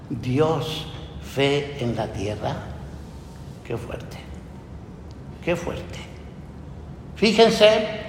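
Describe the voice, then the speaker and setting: Rhetorical questions fill the slow, earnest preaching of a priest offering a homily after the Gospel. He is male, and the recording carries the echo of a church hall along with a low rumble.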